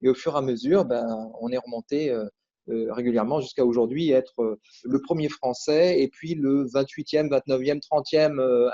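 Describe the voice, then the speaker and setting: A man's voice: medium pitch, warm tone, dull audio. A man hosting a casual interview, talking hesitantly with many fillers and restarts. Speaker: host, affiliate coach.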